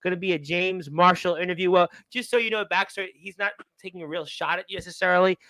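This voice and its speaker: This high-voiced radio host from Brooklyn, New York talks quickly in a steady, sharp tone, captured in a dry recording. He rambles along casually, saying "uh" a lot and greeting his listeners.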